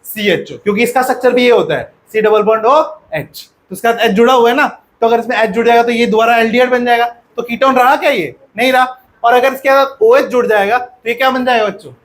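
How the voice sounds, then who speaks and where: A man's voice: extremely high pitch, quick pace, hardly any pauses, fairly bright tone. A male teacher lecturing a classroom of pupils, often asking questions and repeating the answers.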